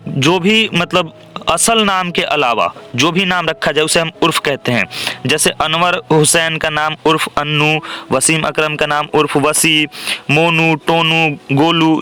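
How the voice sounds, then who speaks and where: A young male teacher walks through an exam-prep grammar lesson. His voice is bright and forward, sitting slightly high. He explains patiently, pausing often to check that viewers follow. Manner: explanatory, frequent "theek hai" check-ins.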